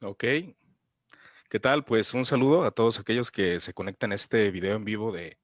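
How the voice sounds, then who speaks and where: Man, low voice, relaxed panelist, dry sound. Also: moderate pace, dry recording. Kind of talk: casual presentation.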